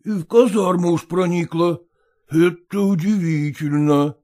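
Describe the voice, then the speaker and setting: A man voicing a proud, fussy male yard dog in an audiobook, with a husky voice and a stern, indignant, deliberate manner. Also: sits high, mellow. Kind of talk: audiobook reading.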